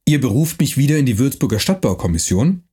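A man voicing a deferential male master builder who speaks humbly and lower, with a husky voice. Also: very animated, fast talker, dark tone. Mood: incredulous.

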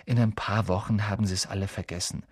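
A man's voice: fairly low pitch, fairly even intonation, a little fast, husky, no room sound, studio quality. A man doing a reassuring schoolboy friend.

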